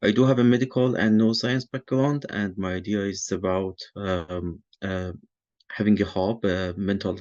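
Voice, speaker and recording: A man's voice: lowish voice, darkish tone, no room sound. Polite hesitant man on a muffled call. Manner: polite, hesitant with many fillers. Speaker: workshop participant. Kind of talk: casual self-introduction on a video call. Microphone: video call, camera off. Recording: dull dry video call audio.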